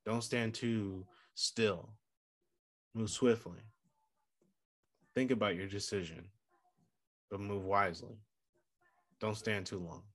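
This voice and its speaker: A man's voice: lowish voice, fairly even intonation, takes it slowly, long pauses, a bit bright, no room sound. A man hosting his own podcast alone, rambling playfully, plugging the show and giving motivational life advice. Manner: rambling, playful and self-promoting. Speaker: podcast host. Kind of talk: casual solo podcast monologue.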